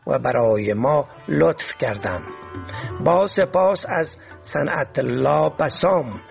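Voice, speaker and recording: A man's voice: a little high, animated, creaky, faint music behind. A man presenting a literary radio program in a formal, composed way.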